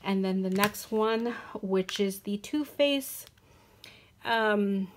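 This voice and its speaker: A woman's voice: mid-range voice, takes it slowly, slight background noise. Chatty woman vlogger, full of ums. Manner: chatty, hesitant with frequent ums and self-corrections. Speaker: beauty vlogger. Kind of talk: casual product talk to camera.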